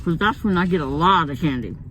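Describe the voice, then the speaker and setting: A woman's voice: on the low side, animated, brisk, a bit bright. A woman food vlogger talking casually to her viewers while eating, chewing as she speaks and savoring with mm sounds. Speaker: food vlogger hosting a mukbang. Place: inside a parked car in a parking lot at night. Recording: noisy car interior ambience.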